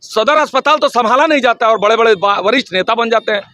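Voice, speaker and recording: A man from Bihar, a local election candidate giving an impassioned campaign interview, forceful and rhetorical, hammering his slogans again and again. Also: very high-pitched, fast, no room sound. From Siwan district, Bihar, India.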